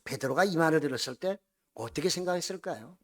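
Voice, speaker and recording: A man's voice: fairly high pitch, animated, fast, a bit bright. A man preaching a Sunday sermon in a church, explaining scripture conversationally and with rhetorical questions. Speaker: pastor.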